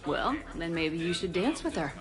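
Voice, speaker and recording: A confident female commander in a video game. Her lowish voice rises and falls freely as she trades friendly, teasing banter in a breezy, casual way. Music is playing behind her. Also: sing-song, moderate pace. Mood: playful.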